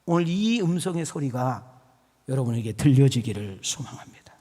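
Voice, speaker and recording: A male pastor preaching a sermon with animated, folksy storytelling and rising, emphatic calls. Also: mid-range voice, moderate pace. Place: church sanctuary. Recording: long church hall reverb.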